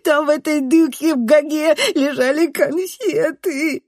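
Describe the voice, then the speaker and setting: Whiny high-pitched schoolboy with burred r, sobbing, as a woman puts him on. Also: fairly even intonation, unhurried, a little mellow, no echo, studio quality. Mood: whining. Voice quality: burred r, nasal whine. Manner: shrieking, sobbing.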